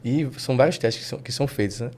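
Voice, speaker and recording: Brazilian guy hosting a podcast, gets animated, mid pitch voice. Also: very fast, vocal fry, slight background noise. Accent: Brazilian Portuguese. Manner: animated, rising pitch when enthusiastic. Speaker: podcast host. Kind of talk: casual podcast interview.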